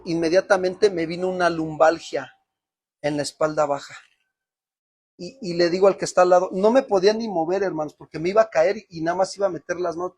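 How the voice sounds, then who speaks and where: A man's voice: high voice, darkish tone. A man with a Mexican Spanish accent preaching a sermon as pastor, telling a personal story that rises to emotional peaks.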